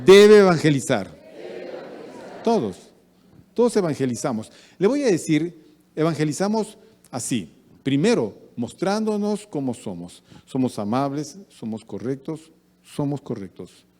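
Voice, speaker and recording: Animated male pastor in a reverberant church. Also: medium pitch. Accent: Peruvian Spanish. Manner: animated preaching with acted-out anecdotes. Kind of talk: sermon. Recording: church hall with long reverb.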